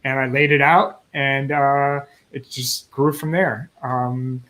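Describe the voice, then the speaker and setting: A man's voice: mid-range voice, flat delivery, slow, pushed and bright. A man in his forties speaking as a guest on a video call, upbeat as he explains how he built his company. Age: 40s. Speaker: guest business founder. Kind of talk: interview storytelling.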